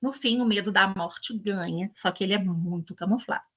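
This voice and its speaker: A woman's voice: mid-range voice, normal speed, a bit bright, highs cut off. A woman with a Brazilian Portuguese accent, presenting an education channel and talking casually to her audience in a chatty, digressive, storytelling way.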